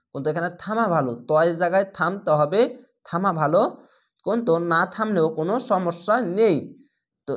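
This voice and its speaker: Man, high voice, Bangladeshi Bengali accent, recitation teacher, slow syllable-by-syllable drilling, repeats and explains rules. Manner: breaks words into syllables, repeats them slowly and explains rules. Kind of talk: step-by-step recitation lesson.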